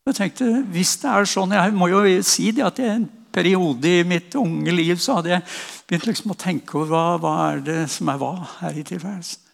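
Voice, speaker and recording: An older man from Norway tells his testimony and prays in an earnest, unhurried way. His voice sits a touch high and carries a gravelly edge. The sound rings with a long hall reverb. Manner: earnest storytelling, ends in slow prayer. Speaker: preacher. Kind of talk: sermon testimony. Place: church hall.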